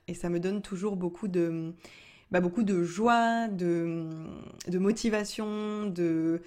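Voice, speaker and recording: A woman's voice: mid-range voice, a little mellow. A young adult woman hosting her own podcast, talking casually with many fillers and restarts. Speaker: podcast host. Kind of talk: casual personal podcast talk.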